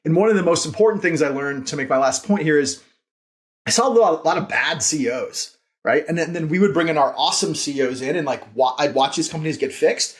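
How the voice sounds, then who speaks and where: This American man in his thirties talks fast, with a higher-pitched voice and lively intonation. As a podcast guest who founded and runs a company, he tells career stories in a casual interview, rambling earnestly and sprinkling "like" throughout.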